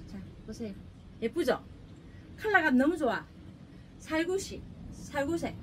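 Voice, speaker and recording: Middle-aged shopkeeper woman, high bouncy voice, chatty and pushy, heard from a distant camera with faint shop hum. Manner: chatty, joking, pushy seller. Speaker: clothing shop owner. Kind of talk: casual sales pitch. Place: clothing shop indoors. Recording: distant mic, faint room noise.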